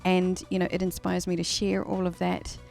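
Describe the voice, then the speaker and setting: Earnest woman with a gravelly edge. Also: lowish voice, completely flat delivery, moderate pace, darkish tone, faint music behind. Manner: earnest, repeats words and restarts often. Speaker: musician hosting a livestream. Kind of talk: casual livestream talk to viewers.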